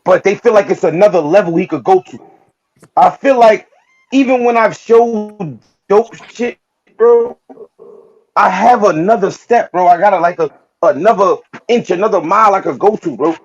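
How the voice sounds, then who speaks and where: Speaking at a moderate pace, this Brooklyn man has a voice that sits high, and the recording's highs are cut off. He's a guest battle rapper on a casual podcast, emphatic, leaning hard on street slang and saying "you feel me" again and again.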